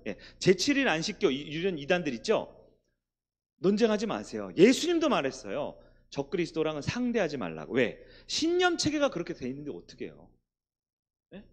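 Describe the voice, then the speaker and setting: A male pastor preaching a sermon in church, asking the congregation questions and answering them himself. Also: high-pitched.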